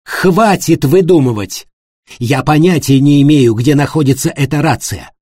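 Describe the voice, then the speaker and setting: Guy putting on a firm proud lady, loud and defiant. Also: a little high, moderate pace, husky, no echo, studio quality, voice pushed up. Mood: indignant. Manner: indignant, firm, raised voice.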